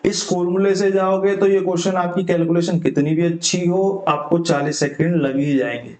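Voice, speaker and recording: A young man with a fairly high voice walks students through exam maths problems one step at a time. He slips English terms into his explanation and keeps checking in with the class. The room around him sounds echoey. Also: fairly even intonation, moderate pace, darkish tone. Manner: often checks in with "ठीक है". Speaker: maths teacher. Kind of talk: exam-prep maths lesson.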